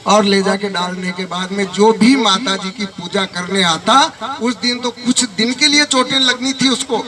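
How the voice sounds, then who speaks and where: A man's voice: high-pitched, moderate pace. A man giving a stern motivational speech to students on a microphone in a hall, recorded from a distance. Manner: stern, admonishing. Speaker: motivational speaker and teacher. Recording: distant mic, loud crowd.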